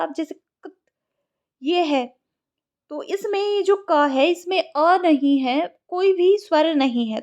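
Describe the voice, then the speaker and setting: A woman's voice: sits high, darkish tone. A woman teaching Sanskrit exam questions in speech, patiently repeating words to model their pronunciation. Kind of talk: exam-prep lesson.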